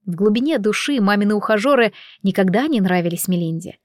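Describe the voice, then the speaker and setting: A woman reading narration for a novel in a measured, expressive way. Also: medium pitch, dry recording, clean studio sound. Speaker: audiobook narrator. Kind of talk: scripted narration.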